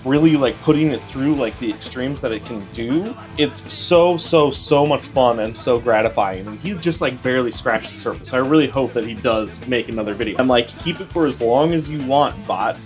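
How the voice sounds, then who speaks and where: A man's voice: mid-range voice, moderate pace, hardly any pauses, soft background music. A man chatting casually and enthusiastically in slangy language as he reacts to a video. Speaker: reaction host.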